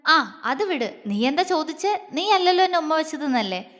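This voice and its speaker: A woman's voice: sits high, sing-song, normal speed, a bit bright, voice pushed up. A woman voicing an arrogant young man who taunts and mocks in an audio story. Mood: mocking. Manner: taunting, sneering. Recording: long reverb.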